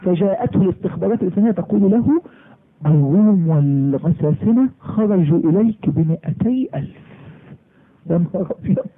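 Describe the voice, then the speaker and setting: A man with an Egyptian Arabic accent telling a sermon story, lively and acting out the dialogue. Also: quick pace, breathy edge. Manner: animated, acts out dialogue in lowered voice. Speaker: preacher. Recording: phone-like recording.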